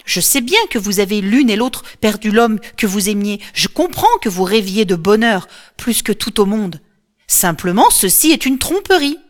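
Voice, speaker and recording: A woman voicing a desperate young Trojan prophetess who cries out high and pleading. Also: expressive, normal speed, lightly acted. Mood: insistent.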